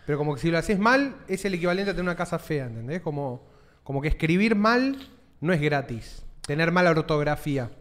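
An Argentine man co-hosts a casual podcast, full of curious questions and street slang. His voice sits a little high. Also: expressive, brisk, a bit bright. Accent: Argentine Spanish. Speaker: podcast co-host. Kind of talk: casual chat.

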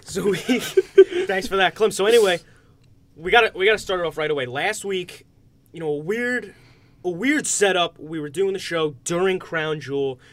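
Higher-voiced man hosting casual sports talk. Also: moderate pace, fairly bright tone. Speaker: podcast host.

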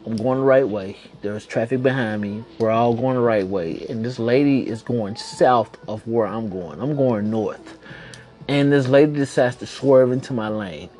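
A man's voice: mid-range voice, normal speed, dark tone, faint music behind. A man hosting a casual podcast from home, rambling along in slang and swearing freely. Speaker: podcast host. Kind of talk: casual chat.

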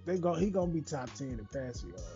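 A man's voice: on the high side, big pitch swings, quick pace. A man with an American accent debating sports casually, argumentative and repeating his points. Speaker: sports podcast host. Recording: roomy muffled audio, music underneath.

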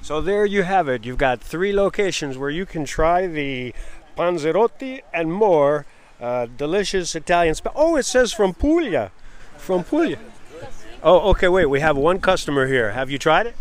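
A man's voice: fairly high pitch, lively intonation, moderate pace. Man, podcast interviewer, on the spot at an outdoor event, street fair.

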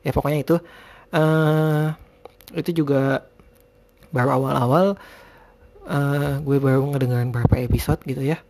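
Mellow Indonesian man with lisped r sounds. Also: medium pitch, fairly even intonation, normal speed, long pauses, a little hiss or hum. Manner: informal, rambling, hesitant word-searching. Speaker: podcast host. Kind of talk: casual solo podcast chat.

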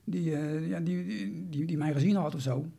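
A man's voice: a little high, moderate pace, vocal fry, dark tone, husky. A man, recounting a personal story in an interview, hesitant with many restarts.

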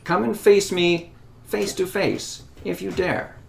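A woman's voice: deep voice, lively intonation, a little slow, vocal fry, background noise, heavily acted. A woman voicing an old, outdated but defiant robot in a tabletop game, stiffly announcing each kind of sentence before saying it. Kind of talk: tabletop role-play.

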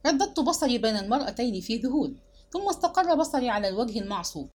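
A woman reading a dramatic novel aloud with an emotional, expressive delivery. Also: a little high, racing. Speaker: audiobook reader.

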